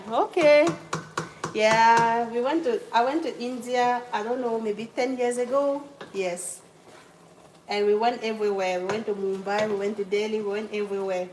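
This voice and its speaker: A woman's voice: fairly high pitch, a little hiss or hum, low-quality recording. Chatty woman from Cameroon livestreaming her cooking. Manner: chatty, greets viewers by name, apologetic while multitasking. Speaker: livestream host. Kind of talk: casual livestream cooking chat. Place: home kitchen.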